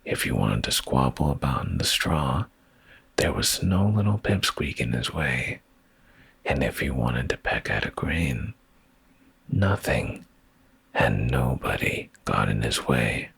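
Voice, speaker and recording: With lively intonation but a slow pace, a man reads a bedtime story in ASMR fashion close to the microphone. His deep, gravelly, breathy voice often fades to a whisper, sounding drowsy and soothing, with no echo.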